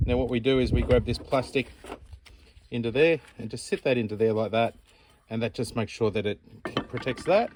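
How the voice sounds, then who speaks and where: A man with a medium-pitched voice hosts an outdoor channel, demonstrating a camp stove against a noisy background. His delivery is relaxed, casual, rambling and chatty.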